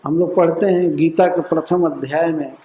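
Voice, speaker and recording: A man, a monk and preacher, giving a devotional scripture lecture, who chants verses and then explains them slowly. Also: fairly high pitch, fairly even intonation, dark tone. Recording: echoey room.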